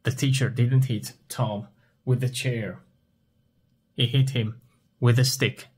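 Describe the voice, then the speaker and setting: A man teaches at a very unhurried pace. His voice is husky and mid-pitched. He asks a question, pauses, and then answers it himself in simple words. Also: fairly even intonation. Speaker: English teacher. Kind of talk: slow question-and-answer language lesson.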